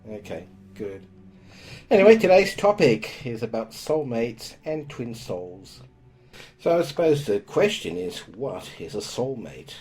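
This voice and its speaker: A man hosting a podcast, explaining spiritual topics in a calm, casual way. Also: mid-range voice, measured pace, soft background music. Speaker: podcast host.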